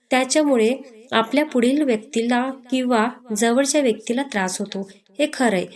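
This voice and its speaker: A gentle, earnest young woman voiced by a female storyteller talks softly in a fairly high voice and reasons things through calmly. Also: close to an everyday voice. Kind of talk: storybook reading.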